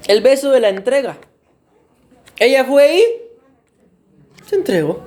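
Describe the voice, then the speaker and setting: A man's voice: very high voice, very animated, slow pace, vocal fry, a little mellow. A man preaching a sermon as pastor, often addressing his congregation as beloved brothers and putting questions to them. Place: church.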